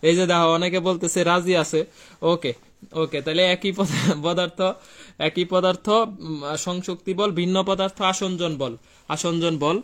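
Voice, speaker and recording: High-pitched young man teaching physics. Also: steady tone, moderate pace, a bit bright. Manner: repetitive, asks students questions and reads their answers; colloquial, chatty, tells classroom anecdotes. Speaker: physics tutor. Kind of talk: live online class.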